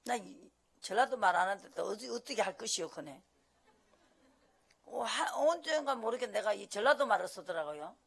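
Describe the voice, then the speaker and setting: A woman pastor from the region, preaching a sermon with emphatic rhetorical questions and sudden jumps between loud and soft. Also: mid-range voice, lively intonation, normal speed, vocal fry, long pauses, slightly rough. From Gyeongsang region of Korea.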